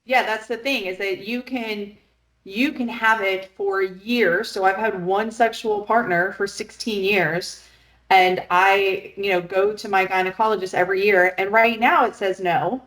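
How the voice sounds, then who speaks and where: A woman's voice: mid-range voice, fairly even intonation, a little slow, fairly bright tone. A woman in her thirties co-hosting a podcast, chatting casually, blunt and frank and swearing freely. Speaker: podcast co-host. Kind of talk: casual chat. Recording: roomy echo.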